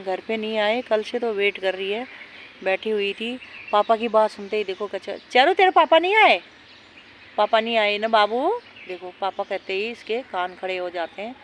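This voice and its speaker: A woman narrates casually into a phone camera while outdoors in a park. She switches between a fond, high voice when calling or scolding the dogs and a calm explaining voice for viewers, at a mid pitch. Faint outdoor noise and birds sit behind her. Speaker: dog owner vlogger.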